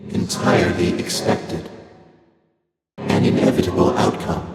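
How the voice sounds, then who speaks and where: A male actor with a low-pitched voice delivers video game lines as an ancient, otherworldly primordial deity, formal, archaic, deliberate and aloof, detached with dry amusement. Heavy otherworldly echo reverb processes his voice, and the recording has a cavernous long reverb with loud music behind.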